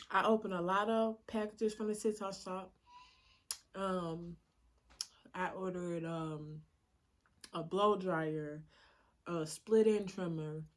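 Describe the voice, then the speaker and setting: A young woman, chatting casually while eating for a mukbang video, laid-back, laughing often and using many fillers. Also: on the low side. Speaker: mukbang vlogger.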